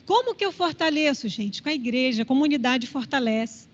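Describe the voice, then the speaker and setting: A woman with a Brazilian Portuguese accent and a high voice leads a church Bible class. She talks in a conversational way and keeps checking in with the class. The sound is somewhat dull and rings with a long hall reverb. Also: animated, fairly quick.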